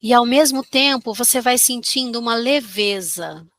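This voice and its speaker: A Brazilian woman leading a guided meditation, giving soothing, gentle instructions with long pauses. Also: fairly high pitch, expressive, no room sound, clean studio sound.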